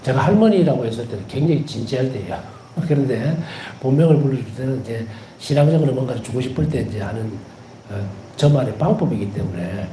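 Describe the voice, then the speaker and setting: Animated Korean priest, roomy echo. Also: male voice, medium pitch, fast, slight background noise. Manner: animated, repeats key words for emphasis; tells anecdotes with gentle humor. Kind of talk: devotional lecture.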